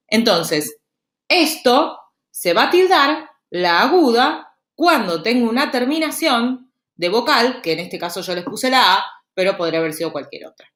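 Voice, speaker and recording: A woman, teaching a grammar lesson in a lively, explanatory way. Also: mid-range voice, reverberant. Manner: lively, explanatory, speeds up and slows down for emphasis. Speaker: Spanish teacher.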